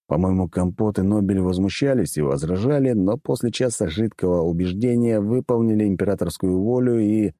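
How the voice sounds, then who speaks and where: A man reading a comic first-person audiobook with wry, lively storytelling. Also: on the low side, no room sound, studio quality. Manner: lively, wry storytelling that jumps up for shouted lines. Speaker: audiobook reader.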